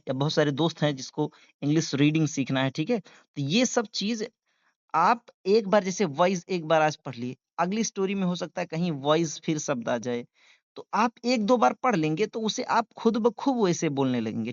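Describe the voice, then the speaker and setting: A man's voice: on the high side, animated, normal speed, dry recording, muffled recording. A man teaching beginners to read, spelling each word letter by letter and translating it with patient, repetitive drilling. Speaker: English reading teacher. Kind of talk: beginner reading lesson.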